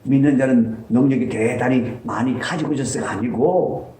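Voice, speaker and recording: A man's voice: mid-range voice, normal speed, dark tone, a little hiss or hum. A man preaching a sermon as pastor, emphatic and repeating his key points. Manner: emphatic, repeats key lines, voice swings up for stress. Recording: echoey church sanctuary.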